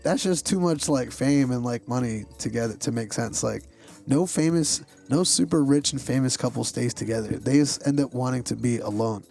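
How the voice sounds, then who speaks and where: A man's voice: medium pitch, normal speed, creaky, darkish tone, faint music behind. A young man co-hosting a podcast, rambling in slangy, profane casual chat among friends. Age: young adult. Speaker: podcast co-host.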